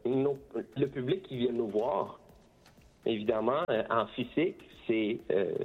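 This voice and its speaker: A man's voice: medium pitch, measured pace, husky, narrow, tinny audio. A man who grew up in Costa Rica, a band member giving a casual radio interview, hesitant, with many restarts, moving between French and Spanish.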